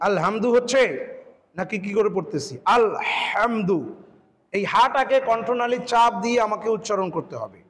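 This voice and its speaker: A man teaching Quran pronunciation, patiently repeating words slowly and stretching the sounds. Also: high-pitched, big-room sound. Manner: patient, drills words by slow drawn-out repetition. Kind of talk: tajweed pronunciation lesson.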